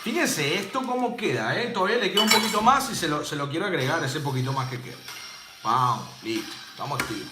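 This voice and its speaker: A male bartending instructor with a high, expressive voice talks quickly and chattily through a casual live drink-making demo, joking, swearing casually and adding playful sound effects. It's recorded in a roomy home space with music playing and a noisy background.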